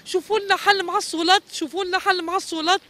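Tunisian woman talking fast in a street interview, very high voice, keeps repeating herself, begging for help. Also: fairly even intonation, sharp tone. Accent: Tunisian Arabic. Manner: pleading, repeats phrases over and over. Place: street outdoors.

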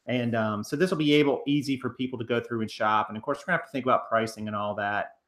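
A man's voice: mid-range voice, fairly even intonation, fast talker, a bit bright. Thirties male co-host, casual and rambling, restarts often, recorded on a home webcam. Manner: rambling, many fillers and restarts. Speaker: co-host of a reselling channel. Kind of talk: casual chat over photos. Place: living room, on a couch.

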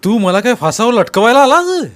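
A man voicing a hot-tempered village man accused of murder, speaking in a with loud, defensive, agitated outbursts. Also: on the high side, a little slow, lightly acted. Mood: outraged.

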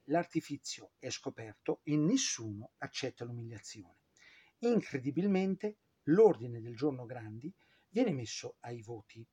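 A man's voice: mid-range voice, dark tone, husky. A man telling history in an informal, chatty way, with frequent fillers and sarcastic asides. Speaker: history presenter.

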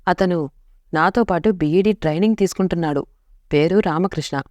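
A woman voicing a breezy young woman, an elder sister in a story, speaking in a lively, bantering way. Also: on the low side, moderate pace, dry recording, natural voice.

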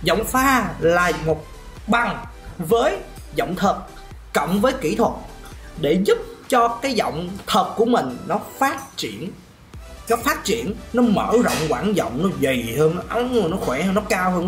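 A man teaching singing in a lively question-and-answer lesson, often chuckling and demonstrating voices. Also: high-pitched, unhurried. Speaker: vocal coach. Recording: roomy room with faint music.

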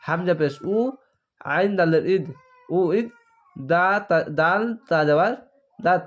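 A man with a Bangladeshi Bengali accent teaching Quran reading, spelling out each letter and vowel mark aloud, then blending the syllables. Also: fairly high pitch. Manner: recites verses in a slow drawn-out chant. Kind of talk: slow spelling-out recitation lesson.

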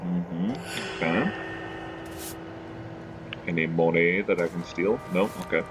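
A man's voice: deep voice, takes it slowly, noisy background. A man giving casual, playfully sarcastic commentary as he plays a video game, muttering asides. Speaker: gamer. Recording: game music behind voice.

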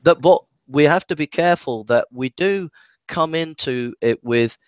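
A man's voice: on the high side, a little slow, clear, resonant tone, no echo. A man in a casual debate who talks hesitantly, stumbling over restarts and repeating his words.

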